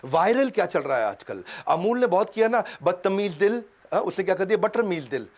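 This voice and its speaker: A middle-aged motivational coach with a high, ringing voice. He talks in punchy, rhythmic bursts and drops suddenly to a hush to land a point. He slips in little sound effects and mimicked voices as he goes. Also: sing-song, a little fast. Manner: punchy, rhythmic delivery with sudden jumps from loud to hushed. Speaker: motivational speaker and business coach. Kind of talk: energetic Hindi seminar talk mixed with English.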